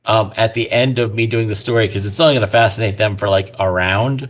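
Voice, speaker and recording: A man's voice: fairly low pitch, fairly even intonation, brisk. A man playing in an online tabletop game, talking casually and joking playfully with the others. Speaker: player.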